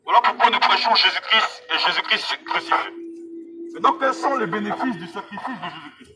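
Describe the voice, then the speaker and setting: Fervent and fairly quick, this man's high, animated voice booms through a megaphone as he preaches on the street. A street evangelist, he addresses passers-by directly, exhorting them with emphatic, repeated phrases over the noise of vehicles outside.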